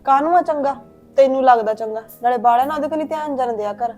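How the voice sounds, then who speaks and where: A woman's voice: fairly high pitch, steady tone, quick pace, darkish tone, lightly acted. A woman playing a bossy Punjabi sister-in-law. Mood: scolding. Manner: scolding, irritable. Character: older sister-in-law, bossy and sharp-tongued.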